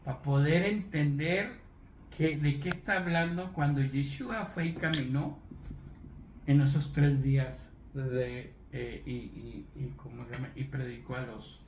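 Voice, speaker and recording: A man teaching from the Bible, unhurried, often checking in with his listeners and spelling words out letter by letter. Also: mid-range voice, fairly even intonation, a little mellow, highs cut off. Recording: roomy echo, faint background noise.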